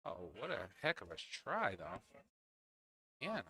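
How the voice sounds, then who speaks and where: A man's voice: medium pitch, huge pitch swings, slow, pushed and bright, breathy edge. A man calling a pool league match live, chatting with his co-commentator between shots. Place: indoors at a pool league venue.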